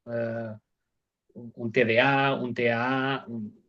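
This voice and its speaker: A man's voice: mid-range voice, flat delivery, takes it slowly, fairly bright tone, muffled recording. A man speaking as a psychologist guest, explaining step by step with examples and frequent repeated words. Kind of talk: casual interview talk.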